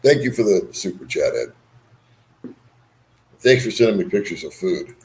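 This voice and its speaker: A man's voice: low voice, very animated, normal speed, a little mellow. A man hosting a casual livestream, rambling easily as he reads and answers viewer comments with bantering remarks. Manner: rambling, chuckling, easygoing banter. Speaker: livestream host.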